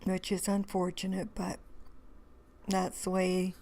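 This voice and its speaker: A hoarse woman, rambling through a relaxed crafting tutorial voice-over with many fillers and restarts. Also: fairly low pitch, takes it slowly. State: hoarse, losing her voice. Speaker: craft video host.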